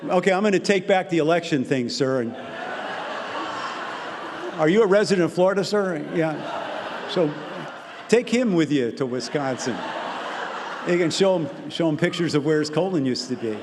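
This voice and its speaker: An older man telling a comic story and answering audience questions, rambling and self-interrupting with wry deadpan asides. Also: fairly high pitch, moderate pace. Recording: hall reverb, faint background noise.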